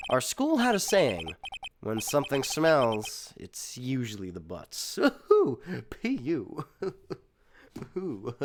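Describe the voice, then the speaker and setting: A jittery young defense lawyer on his first case, read out by a man in a lively voice that swings up and down. He talks slowly and earnestly, with game music playing underneath. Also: medium pitch, noisy background. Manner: earnest, flustered reading. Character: nervous young male rookie defense lawyer.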